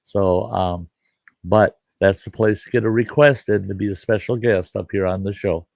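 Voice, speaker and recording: An older man with a hoarse, low, rough and gravelly voice hosts a relaxed, casual live stream chat. He speaks slowly and haltingly, rambling from thought to thought with many fillers. The recording is dry and close, with no room sound.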